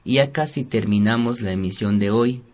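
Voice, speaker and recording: A man's voice: on the low side, normal speed, a little mellow. A man with a Mexican accent presents a radio programme from a script as its host. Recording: dull lo-fi radio sound.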